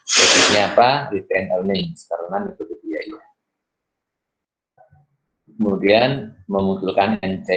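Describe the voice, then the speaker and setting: An accounting lecturer works through a solution informally in a low-pitched voice, thinking aloud step by step and often asking himself questions before answering them. The recording is rough.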